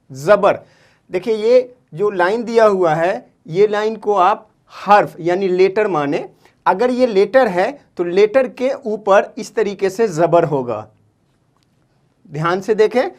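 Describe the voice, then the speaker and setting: A woman teaching a children's language lesson, patiently repeating each word and spelling it out sound by sound, checking in often. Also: medium pitch. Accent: Indian Hindustani. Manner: patient, repeats words slowly and syllable by syllable.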